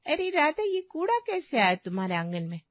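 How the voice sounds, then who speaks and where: Polite innocent neighbor woman, high and soft-spoken, woman voicing. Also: very animated, normal speed, dry recording, muffled recording.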